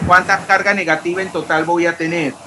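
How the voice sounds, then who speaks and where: A male chemistry lecturer with a high, level-toned voice teaches an online class, speaking briskly, brightly and forcefully. He quizzes his students and spells out formulas step by step. The audio is poor, with a slight hiss or hum.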